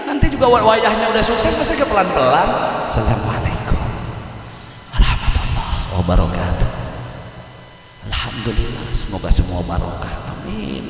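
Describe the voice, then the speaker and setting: A man preaching a sermon, joking his congregation, singing some phrases and now and then rising to a shout. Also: mid-range voice, lively intonation, normal speed, slight background noise. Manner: call-and-response with the congregation, joking; often sings phrases and rises to shouting. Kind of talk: sermon at a religious gathering. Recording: echoey hall from far off.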